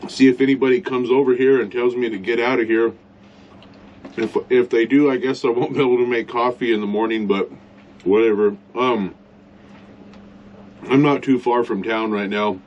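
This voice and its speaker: A man's voice: medium pitch, steady tone, normal speed, long pauses, a little mellow, dull audio, slight background noise. A man rambling bluntly in a casual vlog from inside his truck at a campsite, eating as he talks. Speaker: vlogger.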